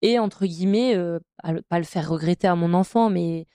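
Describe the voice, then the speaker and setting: A French professional handball player in her thirties tells her career story in a podcast interview, hesitating often and using many fillers but showing warm enthusiasm. Her voice is lowish, clear and resonant, at a normal speed, recorded dry with studio quality.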